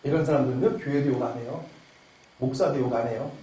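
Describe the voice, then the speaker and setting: A man's voice: mid-range voice, fast, warm tone. A man preaching a sermon as pastor, emphatic, firing off rhetorical questions and repeating his phrases. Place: church sanctuary. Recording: very echoey church hall, from far off.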